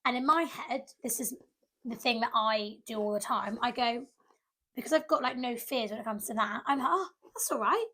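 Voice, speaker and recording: A woman's voice: on the high side, normal speed, a bit bright. A young woman, co-hosting a podcast and telling a story with lots of acted-out quotes. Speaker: podcast co-host. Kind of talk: casual chat.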